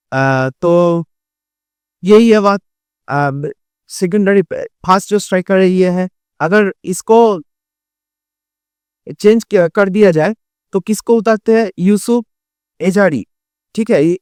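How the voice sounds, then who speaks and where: High-voiced man rambling about football. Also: no room sound, studio quality. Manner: hesitant, many fillers and restarts, mixes in English terms. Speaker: football commentator. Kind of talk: casual analysis.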